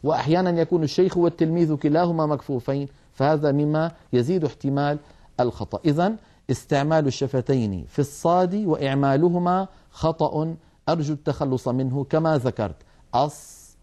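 Male tajweed teacher, warm mellow voice, patient explanatory delivery. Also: on the high side. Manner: measured, demonstrates sounds slowly. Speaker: Quran recitation teacher. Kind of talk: explanatory lesson on letter pronunciation.

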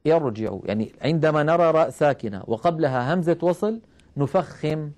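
A man with a slightly high voice teaches recitation rules in a patient, methodical way. He breaks each rule into small steps, checks that his listeners follow him, and slows right down to recite the example verses. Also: lively intonation, a little mellow. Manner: explains step by step, asks questions of the listeners, recites verses slowly. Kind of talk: recorded tajweed lesson.

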